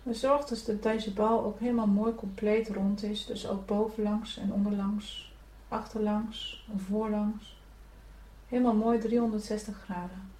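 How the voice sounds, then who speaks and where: A woman leading a guided spiritual meditation, giving gentle, soothing instructions to breathe and relax. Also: mid-range voice, fairly even intonation, a little slow. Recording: echoey room, from a distance.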